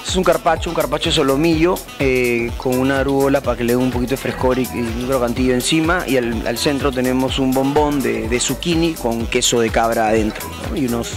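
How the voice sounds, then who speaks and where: Young man, restaurant owner, halting, restarts often, music in the background. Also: medium pitch. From Argentina, raised in Peru. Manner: hesitant, many restarts, describes dishes. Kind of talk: casual interview. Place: indoor restaurant, seated at a table. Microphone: host's handheld mic.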